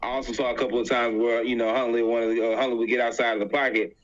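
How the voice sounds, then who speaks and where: A fast-talking man in the middle of a sports debate, steadily arguing his side. His voice sits at a mid pitch, and the recording is dull and lo-fi. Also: little pitch movement. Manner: quick, argumentative. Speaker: podcast co-host.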